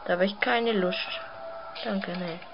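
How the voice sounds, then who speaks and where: A woman giving casual gameplay commentary, muttering relaxed asides. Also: medium pitch, slow pace, vocal fry. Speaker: let's player. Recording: slightly dull sound, game music behind.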